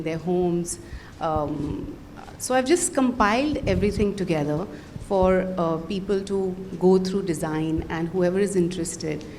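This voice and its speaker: A soft-spoken woman with an Indian English accent explains her book in a hesitant way, pausing with frequent ums. A faint hiss of noise sits behind her voice. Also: lowish voice. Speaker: author and interior designer. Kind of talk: unscripted interview answer.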